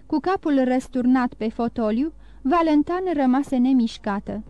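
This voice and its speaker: High-voiced woman reading an audiobook. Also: warm tone, no room sound. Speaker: audiobook narrator. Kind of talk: audiobook narration.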